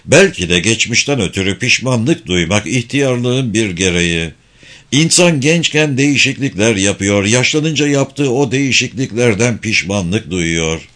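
A man voicing an aging, regretful general who speaks in a reflective, measured way. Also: medium pitch, expressive, a bit bright.

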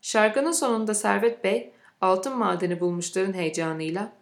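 Female narrator, mid pitch, measured audiobook read, roomy echo.

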